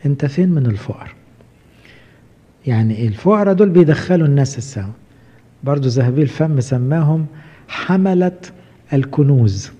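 A man's voice: mid-range voice, animated, brisk, long pauses, dark tone, breathy edge. A man with an Egyptian Arabic accent, a priest giving a conversational sermon and often asking his listeners questions. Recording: muffled hall recording with long reverb.

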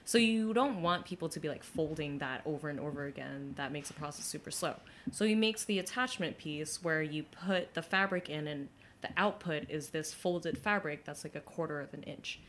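A woman's voice: low voice, normal speed, a bit bright, slight background noise. A young woman from Brooklyn, a guest in an interview, telling her story in a chatty way with many fillers and restarts. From Brooklyn, New York.

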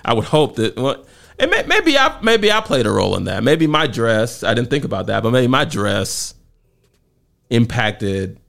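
Male podcast host, creaky voice with lively intonation, probing casual talk, faint music. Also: mid-range voice, moderate pace. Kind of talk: casual chat.

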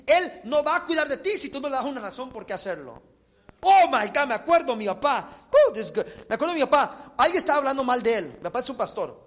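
A man's voice: very high-pitched, big pitch swings, quick pace, fairly bright tone. A male pastor preaching a sermon with English words mixed into his talk, acting out little dialogues as he goes.

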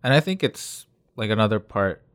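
A man's voice: on the low side, animated, moderate pace, clear, resonant tone, no echo, studio quality. A man from Canada co-hosting a casual chat, explaining his views at length with frequent fillers. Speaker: podcast co-host.

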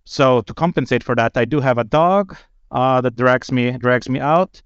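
A man from Slovenia, a podcast guest, talking in a relaxed way with fillers and restarts. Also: medium pitch, moderate pace, clean tone, no room sound, dull audio. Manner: relaxed, with fillers and self-corrections. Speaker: guest, software engineering director. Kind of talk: casual podcast chat.

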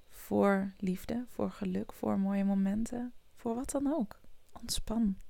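A woman hosting a guided morning meditation podcast, speaking in a soft, whispery, soothing way. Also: medium pitch, gravelly, dry recording.

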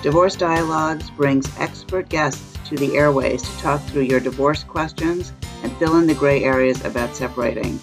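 A woman radio host reading a smooth, scripted show introduction. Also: low voice, moderate pace, few pauses. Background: music bed.

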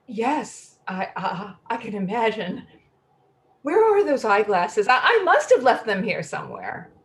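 In a play reading, a woman performs a fretful wife, her pitch swinging widely as she stammers and hesitates at an unhurried pace. She comes across as evasive and flustered, as though hiding a secret.

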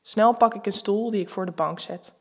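A woman's voice: medium pitch, normal speed, a little mellow, slightly rough. Woman reading an erotic story. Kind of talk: scripted narration of an erotic story.

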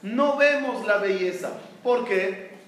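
A man's voice: high voice, slow, a bit bright. A man from Israel, a rabbi giving a talk, who asks his listeners questions and answers them himself. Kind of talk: Torah talk to an audience. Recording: echoey room, distant mic, faint noise.

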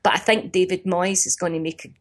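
A middle-aged woman from Scotland with a Glaswegian accent, talking as a comedian guest in a phone interview, animated and storytelling. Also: lowish voice, fast. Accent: Glaswegian Scottish. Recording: phone line.

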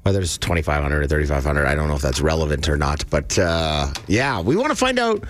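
A man's voice: a bass voice, big pitch swings, fast talker, slight background noise. A Canadian man co-hosting a radio show with blunt, colloquial, opinionated banter. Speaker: radio co-host.

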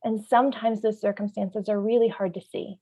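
A woman's voice: medium pitch, fairly even intonation, brisk, warm tone. A woman who works as a parent trainer, talking in a podcast discussion. She searches for words as she reasons through ideas and grows vivid when she tells a story.

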